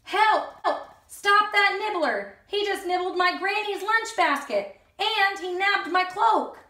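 A woman's voice: very high-pitched, takes it slowly, pushed and bright, pitched above the performer's own voice, exaggerated voice. A woman voicing an indignant little girl from a storybook, urgent and exclaiming. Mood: alarmed. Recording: echoey room sound.

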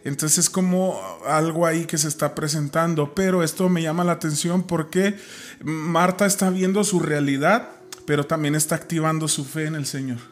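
A man's voice: a little high, steady tone, normal speed. A man casually discussing a Bible story, retelling scripture with many fillers and restarts.

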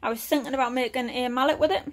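Rapid-fire and high-pitched, a woman from the UK rattles through a casual tour of her little shed workshop while holding her phone to film. The woodworking vlogger sounds relaxed, listing her tools with many fillers along the way.

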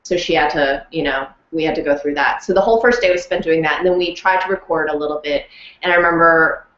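Lively woman telling a story, roomy sound. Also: low voice, quick pace, muffled recording. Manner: animated storytelling with frequent laughs. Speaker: actor and audiobook narrator. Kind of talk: casual chat.

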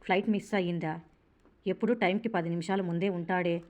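A woman's voice: on the low side, steady tone, quick pace, muffled recording, lightly acted. A woman voicing an anxious mother who keeps pressing her son with worried questions.

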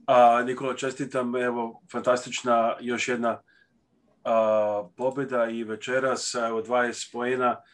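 A man's voice: medium pitch, flat delivery, normal speed. A male reporter asking long, rambling press conference questions.

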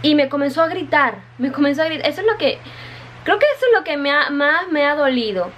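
A woman's voice: sits high, expressive, fast talker, a bit bright, muffled recording, a little hiss or hum. A woman in casual vlog talk, chatty and repeating her words, often calling her viewers "chicas", still wet from the rain. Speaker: vlogger. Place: her home in Japan.

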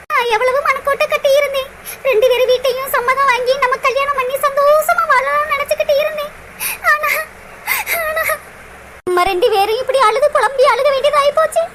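A woman doing a squeaky tearful cartoon girl. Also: moderate pace, noisy background. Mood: heartbroken. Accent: southern Tamil Nadu. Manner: sobbing, plaintive. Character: lovesick young woman, tearful and pining. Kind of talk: cartoon voice acting.

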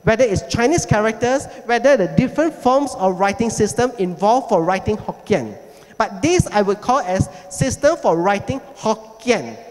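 A man giving a lecture presentation, explaining carefully and slowly repeating key words. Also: high voice, big pitch swings, darkish tone. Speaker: heritage forum speaker. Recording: long hall reverb.

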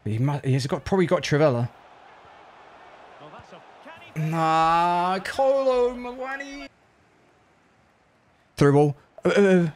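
Man, slightly high voice, live gameplay commentary, excitable, groans and yelps. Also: slow, long pauses. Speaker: gaming YouTuber.

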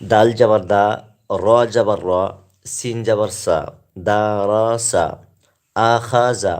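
Reciting Arabic letters and syllables individually in a slow, deliberate manner, a man with a lowish voice teaches Quran reading. Afterward he explains things calmly to his viewers.

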